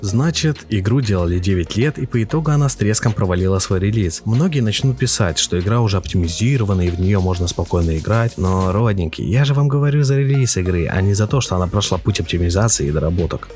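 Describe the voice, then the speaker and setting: A man's voice: on the low side, expressive, fast, few pauses, a little mellow. A man narrating a scripted, opinionated video essay as a game reviewer. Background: faint music.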